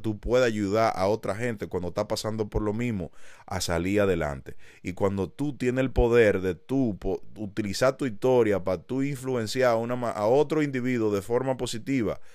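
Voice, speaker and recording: A man's voice: lowish voice, a little mellow, clear, resonant tone, dry recording, studio quality. A man giving an emphatic motivational podcast monologue, speaking straight to the listener and swearing casually. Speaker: podcast host.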